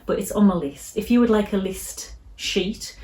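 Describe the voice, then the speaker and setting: A woman illustrator talking casually to camera in her vlog, gentle and reassuring, often restarting her sentences. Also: mid-range voice, moderate pace. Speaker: illustrator vlogger. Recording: roomy echo.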